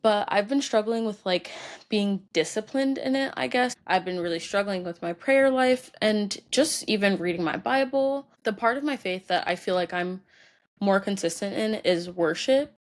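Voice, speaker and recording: Tearful young woman talking about her feelings. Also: medium pitch. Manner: emotional, tearful, halting with many fillers. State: crying at times. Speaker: podcast host. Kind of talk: personal solo podcast talk.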